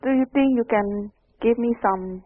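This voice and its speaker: A woman's voice: fairly high pitch, moderate pace. A woman from Hong Kong calling into a radio show, answering hesitantly with brief agreeing replies. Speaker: caller. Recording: tinny phone line.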